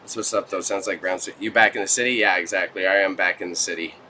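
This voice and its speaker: Talking fast in a low, steady voice that comes across pushed and bright, a man from Toronto, Canada, banters with his livestream viewers. Slight background noise fills the small warehouse space stacked with goods, and his chat is slangy and joking.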